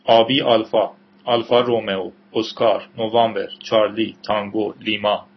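A man's voice: fairly low pitch, little pitch movement, breathy edge. Storybook radio dispatcher, formal and clipped, read by a man; muffled recording. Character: male radio dispatcher over a loudspeaker. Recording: dull lo-fi recording.

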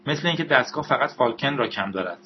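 A man's voice: mid-range voice, lo-fi sound, slight background noise, natural voice. A man voicing an eager young woman. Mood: amused. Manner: excited, joking.

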